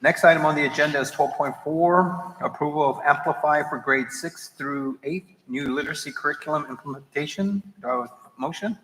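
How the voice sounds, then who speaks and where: A man chairing a board meeting, running formal procedure in a brisk, businesslike manner. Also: fairly high pitch, fairly bright tone. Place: large echoey meeting room. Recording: echoey hall, clear background noise.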